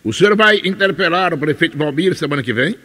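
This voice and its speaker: Um homem, apresentador de rádio, conduzindo uma entrevista matinal com perguntas diretas. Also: male voice, on the high side, animated, fast, a bit bright. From Brazil. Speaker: radio host. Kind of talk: morning radio interview.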